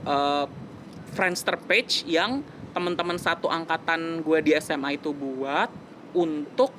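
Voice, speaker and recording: A twenty-something musician from West Java, Indonesia, guests on a laid-back interview, sharing sincere, thoughtful remarks sprinkled with English. He speaks slowly in a fairly high, sharp-toned voice, with slight background noise.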